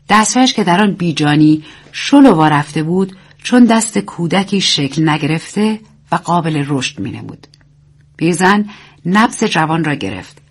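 A woman reading a story aloud as narrator, in a steady, measured reading. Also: on the low side, breathy edge. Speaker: audiobook narrator.

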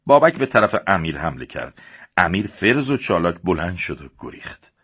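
A man's voice: sing-song, slightly rough. A man narrating a story as an audiobook. He reads plainly and raises his voice for the characters' lines. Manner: reads plainly and shifts up in pitch and loudness for the characters. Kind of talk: audiobook narration voicing the dialogue.

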